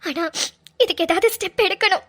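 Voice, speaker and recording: A woman's voice: extremely high pitch, brisk. A woman voicing a young daughter in a cartoon, pleading earnestly through tears. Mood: tearful. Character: young daughter missing her lost brother.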